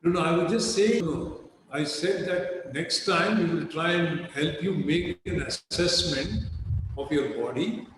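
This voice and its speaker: Man, yoga teacher, slow calm guidance, strong digital echo, long reverb tail. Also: on the high side, noisy background. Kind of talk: guided yoga class over a video call. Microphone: external microphone. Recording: heavy echo and long reverb over a video call.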